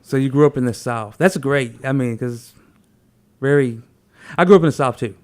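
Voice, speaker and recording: A man from Tennessee hosting a casual talk show, chatting in a rambling, animated way with many restarts. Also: medium pitch, moderate pace. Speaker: podcast host. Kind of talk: casual chat.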